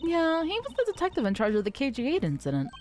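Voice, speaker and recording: A woman's voice: high-pitched, wildly swooping pitch, fast, a little mellow, faint music behind, pitched above the performer's own voice. A woman voicing a cheerful, mocking young woman who giggles and teases while reading a game aloud. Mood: breezy. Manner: giggly, teasing.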